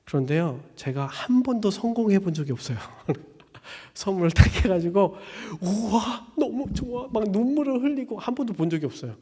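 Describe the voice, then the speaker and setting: A man's voice: high voice, sing-song, fairly quick, warm tone, in a large hall. A man preaching a Sunday sermon as pastor, in a casual, conversational way with many fillers, animatedly acting out little dialogues. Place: church sanctuary.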